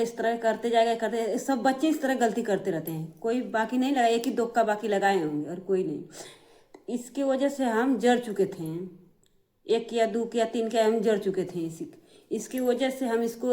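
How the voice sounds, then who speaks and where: A woman's voice: fairly high pitch, moderate pace, warm tone. A middle-aged woman, vlogging to camera and airing family grievances in an aggrieved, repetitive way. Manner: aggrieved, repetitive, addresses viewers directly. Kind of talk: emotional family complaint to camera.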